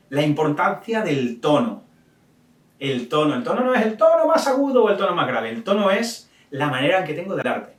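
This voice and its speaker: A man's voice: medium pitch, fairly bright tone, distant mic. A man giving an online training talk, explaining step by step with many fillers and restarts. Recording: echoey room, off the mic.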